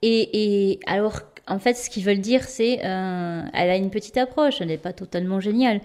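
A woman casually explaining a song she sings, hesitant with many fillers, rushing ahead in quick bursts and then trailing off quietly. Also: medium pitch, clear, resonant tone. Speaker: singer explaining her own song.

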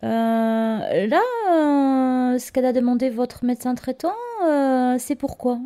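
A woman's voice: sits high, fairly even intonation, takes it slowly, warm tone, pitched above the performer's own voice. A woman voicing a female nurse who keeps questioning a patient, insistent and incredulous.

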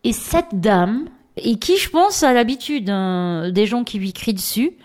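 A woman podcaster telling a personal anecdote in casual, chatty speech, talking straight to her listeners. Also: sits high. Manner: chatty, expressive, addresses listeners directly.

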